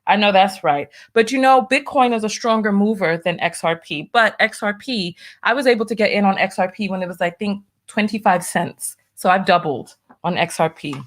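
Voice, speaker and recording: A woman from New York, her accent partly masked, hosts a casual livestream, reading out viewer donations and tossing in wry asides while doing her makeup. Her mid-range voice moves at a moderate pace with hardly any pauses.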